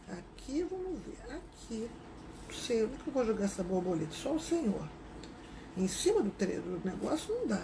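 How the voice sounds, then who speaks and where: Teaching a live craft class with a Rio de Janeiro Portuguese accent, this woman chats casually and greets viewers by name. Her voice sits in the mid range, and the background is noisy.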